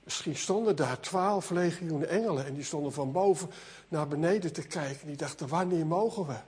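Husky, high-voiced male preacher. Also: fairly quick, darkish tone. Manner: earnest, repeats words when building a point. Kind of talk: sermon.

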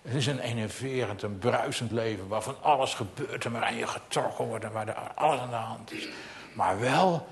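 A man's voice: medium pitch, moderate pace, gravelly. A man preaching a sermon with direct, personal appeals to the congregation, swinging from ringing proclamations down to near-whispers.

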